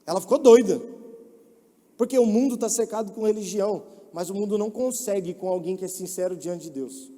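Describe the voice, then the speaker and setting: Young male preacher, high mellow voice, long hall echo. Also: fairly quick. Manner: shifts from soft and low to loud mock voices. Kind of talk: sermon.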